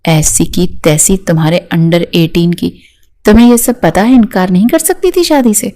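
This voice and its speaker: A woman's voice: lowish voice, warm tone, close to an everyday voice. A woman voicing an angry, spiteful young husband who talks in a harsh, scornful, threatening way.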